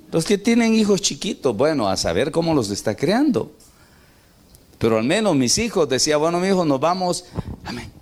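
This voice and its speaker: Middle-aged male preacher, lively up-and-down delivery, questions the congregation. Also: fairly high pitch. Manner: storytelling, asks the congregation questions. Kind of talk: sermon.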